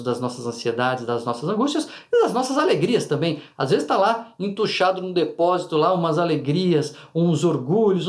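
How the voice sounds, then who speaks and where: A man with a fairly high voice explains emotions to his viewers in a lively, chatty way. He often slips into short acted bits of inner dialogue. The room around him sounds roomy and echoey. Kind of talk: casual explanatory video talk to viewers.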